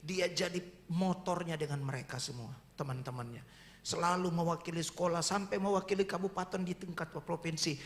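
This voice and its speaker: A middle-aged male pastor preaching in a church. He tells a personal testimony with deep emotion and keeps calling out to the congregation. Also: a little fast. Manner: emotional, earnest storytelling that addresses the congregation directly. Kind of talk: sermon testimony.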